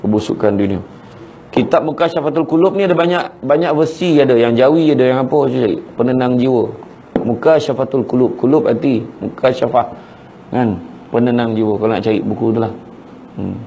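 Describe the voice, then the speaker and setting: A man's voice: mid-range voice, a little fast, dark tone, a little hiss or hum. A man with a Malaysian Malay accent, a religious teacher giving a morning lecture to a congregation. He tells stories in a conversational way and keeps asking his listeners to agree. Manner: conversational storytelling, asks listeners "kan?" often.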